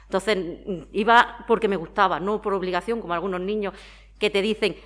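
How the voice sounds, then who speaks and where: This interviewee, a Madrid-born woman in her forties with a Spain Spanish accent, talks briskly at medium pitch. Once an athlete and now a town sports councillor, she answers questions talkatively in a relaxed way, using examples to explain.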